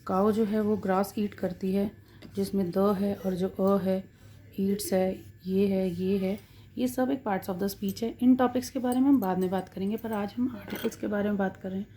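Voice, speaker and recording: A woman teaching English grammar, drawing out example words slowly to stress their sounds. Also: medium pitch, steady tone, warm tone, slight background noise. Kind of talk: classroom-style grammar lesson.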